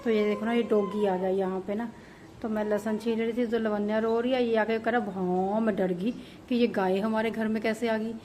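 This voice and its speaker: Brief: mom vlogger with a tinge, rambling and conversational, filmed at home over noisy household ambience. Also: female voice, medium pitch, steady tone, a little fast, warm tone. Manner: chatty, explaining at length with many fillers. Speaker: mother vlogging about her baby. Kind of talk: casual home vlog. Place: at home, indoors.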